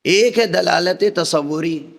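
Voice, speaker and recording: A male scholar gives a majlis sermon in a raised, slightly high voice with a gravelly grain. He teaches point by point, pausing to check with his listeners through short rhetorical questions. His delivery is measured and deliberate. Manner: teacherly, explains step by step with rhetorical checks to the audience. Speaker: Shia religious scholar giving a Muharram majlis.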